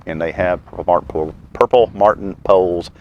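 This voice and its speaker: A man in his mid fifties with a Southern US accent, chatting in a folksy, unhurried, wryly humorous way around a pipe as he hosts a rambling outdoor vlog. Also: sits low, a little mellow, lo-fi sound. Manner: talks while puffing on a pipe. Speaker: host of a homestead and birdwatching channel. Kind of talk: rambling casual vlog chat.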